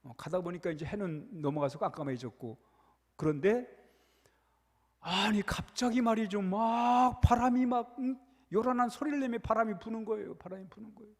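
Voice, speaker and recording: A male pastor delivers a sermon with animated storytelling, piling up repeated phrases and turning to the congregation with questions. His voice sits high for a man, and it rings through a church sanctuary with a long reverb tail. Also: creaky, slightly rough. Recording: echoey church hall.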